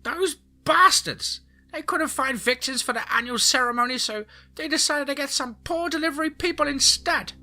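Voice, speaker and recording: A man voicing a tough, fierce elderly grandmother who shouts urgent commands in a story narration. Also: very high voice, big pitch swings, normal speed, pitched above the performer's own voice, exaggerated voice. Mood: angry, defiant.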